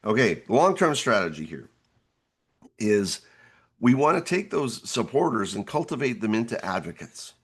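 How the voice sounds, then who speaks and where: A man with a somewhat low voice that has gone hoarse and gravelly talks through an instructional webinar. He explains each step earnestly, in a plain presenter's manner. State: hoarse, gravelly from losing his voice.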